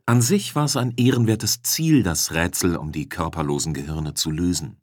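Low-voiced male audiobook narrator. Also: no room sound, clean studio sound. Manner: measured, dramatic reading.

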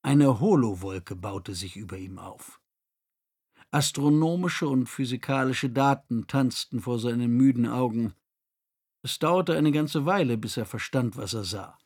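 Male audiobook narrator, husky, mid-pitched, even and measured.

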